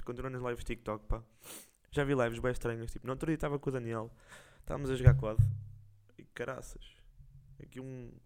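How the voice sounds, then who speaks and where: A young man with a European Portuguese accent, hosting a podcast and telling stories casually in slangy, animated, jokey speech. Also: mid-range voice. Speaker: podcast host. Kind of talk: casual storytelling.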